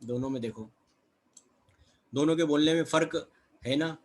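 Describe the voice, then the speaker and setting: A man with a slightly high voice takes his time going through a children's textbook lesson. He raises questions, then answers them on his own, repeating words and tagging on "है ना" and "ठीक है".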